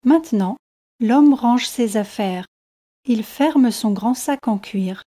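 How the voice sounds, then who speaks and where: A woman reads a story for language learners in calm, carefully paced narration. Her delivery is very slow, and her voice is mellow and somewhat high. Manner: calm, evenly paced reading.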